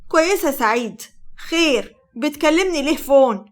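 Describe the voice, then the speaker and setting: A woman's voice: high-pitched, expressive, moderate pace, pitched above the performer's own voice. A woman voicing a naive, careless young woman with an Egyptian Arabic accent, wary and prickly.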